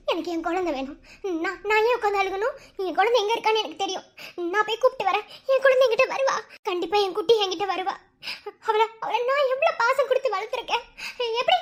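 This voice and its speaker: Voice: very high voice, fairly bright tone. A performer voicing a grieving young mother in a cartoon, pleading and repeating her words. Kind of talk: animated cartoon voice acting.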